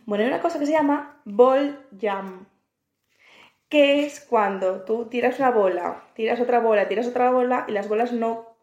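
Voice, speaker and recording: A young woman from Spain with a Spain Spanish accent, chatting as a podcast co-host. She tells her stories candidly and laughs through them, dropping coarse slang. Her voice sits a touch high, and the room around her is echoey. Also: normal speed, darkish tone, dull audio. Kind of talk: casual chat.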